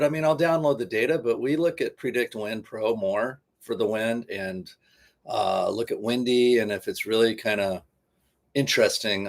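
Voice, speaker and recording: A man co-hosting a casual live stream in a laid-back way, explaining how the boat's systems work. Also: on the low side. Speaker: boat vlog co-host. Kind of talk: casual livestream chat.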